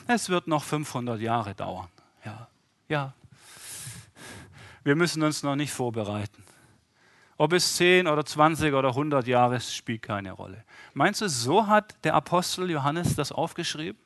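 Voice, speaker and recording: A man's voice: on the high side, animated, normal speed, fairly bright tone, no room sound. A man preaching an interactive sermon, often asking the congregation questions and acting out the voices he quotes.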